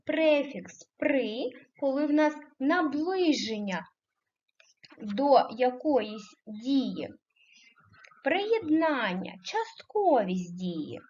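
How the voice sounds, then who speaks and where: A woman teacher giving a primary school grammar lesson, slowly questioning the children and confirming their answers. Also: sits high, a little mellow, highs cut off. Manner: slow, deliberate, questioning children and affirming answers.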